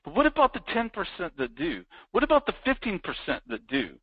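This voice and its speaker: A man delivers a fired-up motivational business training live. His voice sits a little high and swings widely as he hammers his points home and repeats them. The sound is dull and dry, like a lo-fi live stream. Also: wildly swooping pitch, a little fast, breathy edge, dry recording. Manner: emphatic, repetitive, fired-up. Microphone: live-streamed online.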